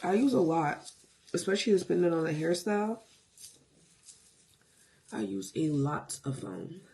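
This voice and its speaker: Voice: mid-range voice, very animated, unhurried, darkish tone. A beauty vlogger chatting casually through a hair tutorial at home, with sassy, playful, self-hyping slang. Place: indoors at home. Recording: noticeable background noise, clicks.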